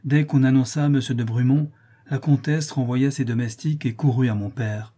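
Male audiobook narrator, dark and breathy, even paced reading. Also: mid-range voice. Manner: steady, unhurried reading. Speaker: audiobook reader. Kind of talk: scripted narration of a classic novel.

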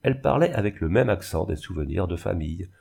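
A man reading a classic novel aloud in a measured, even storytelling manner. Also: low-pitched, vocal fry, husky. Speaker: reader. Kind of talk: scripted narration of a classic novel.

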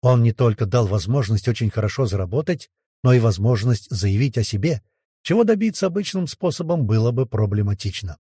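A man giving steady first-person scripted narration of a science fiction audiobook. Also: mid-range voice, fairly quick, slightly rough, no room sound, studio quality.

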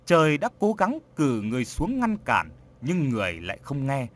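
A man's voice: medium pitch, huge pitch swings, normal speed. A man narrating a horror story in a dramatic, tense storytelling manner.

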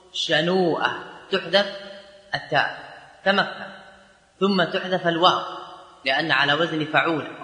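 A man gives a classroom grammar lecture in a bright, forceful voice, pitched a little high. He walks through each rule step by step and stretches the example words slowly. The sound is roomy, with a long hall reverb. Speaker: Arabic grammar teacher.

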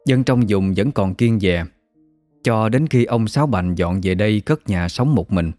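Male narrator, ghost story, lowish voice, dry sound. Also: unhurried, darkish tone, no room sound, faint music behind.

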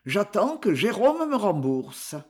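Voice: mid-range voice, big pitch swings, slow, darkish tone. An audiobook reader voicing a hearty, frank village craftsman and father who speaks jovially and bluntly in a storybook reading.

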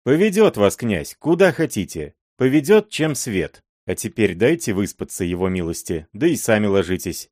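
A man's voice: fairly low pitch, big pitch swings, normal speed, few pauses, a little mellow, no echo, clean studio sound. A man voicing a shrewd, blunt older robber chief who talks in an earthy, folksy way. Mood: gruff persuasion.

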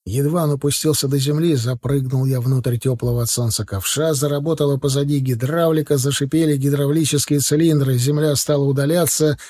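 A man narrating a first-person audiobook in a steady, plain storytelling manner. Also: medium pitch, brisk, hardly any pauses, no echo, clean studio sound.

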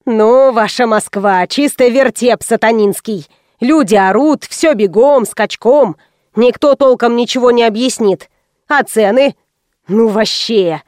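A woman voicing a loud, coarse, heavyset provincial woman who complains indignantly, in an audiobook. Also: a little high, measured pace, no room sound, studio quality, close to an everyday voice. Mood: grumbling.

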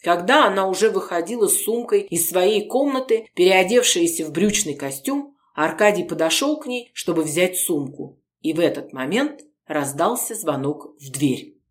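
A woman's voice: lowish voice, lively intonation, moderate pace, few pauses. Woman reading an audiobook. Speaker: audiobook narrator. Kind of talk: scripted first-person narration.

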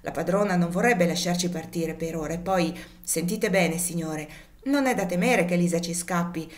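A woman voicing a cunning young male servant in a storybook reading, mock-humble and gleeful, raising her voice high for him. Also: moderate pace, natural voice. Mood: pleading.

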